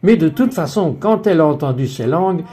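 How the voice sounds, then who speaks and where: An earnest woman guest tells her story, voiced by a man in a French dub. The voice sits fairly high with a soft, mellow tone. It is delivered as a calm, steady voice-over. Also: a little fast, natural voice. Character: woman guest on a faith talk show.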